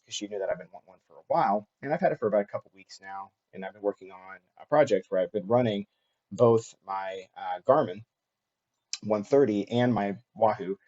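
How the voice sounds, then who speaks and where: Man, low-pitched, quick casual vlog talk, frequent ums and restarts, slightly dull lo-fi sound. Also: mellow. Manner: halting, filler-heavy delivery with frequent restarts. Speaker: cycling channel host. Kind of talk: casual solo vlog, unscripted.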